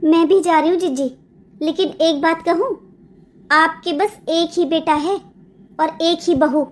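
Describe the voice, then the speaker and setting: A voice actor playing a kindly middle-aged neighbor aunt in a cartoon, giving gentle advice. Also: very high-pitched, slight background noise. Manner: advising, gentle lecturing. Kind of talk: cartoon dubbing.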